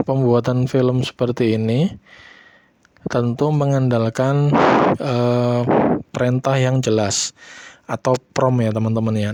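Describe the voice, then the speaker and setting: A man calmly walking viewers through a video editing tutorial, stopping often to check in with his audience. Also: medium pitch. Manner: unhurried, repeats "ya, teman-teman" often. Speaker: tutorial host. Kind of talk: screen-recorded software tutorial.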